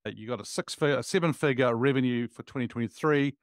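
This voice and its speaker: A man's voice: medium pitch, fast talker, no room sound, clean studio sound. A man hosting a podcast interview, upbeat and full of praise as he questions his guest. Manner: enthusiastic, frequent praise words. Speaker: podcast host.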